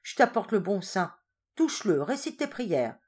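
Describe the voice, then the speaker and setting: A woman performs an anxious, stubborn old peasant woman in a spoken storybook. She talks in broad rustic country dialect. Her voice rises high and loud whenever she is alarmed. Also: sing-song, moderate pace, husky. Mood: urgent.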